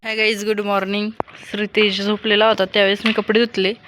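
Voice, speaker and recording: Filming a casual home vlog on a rooftop with her handheld phone, this young mom chats to viewers and prods her little one with questions. She speaks fast at a medium pitch with little variation, over loud music in noisy outdoor audio.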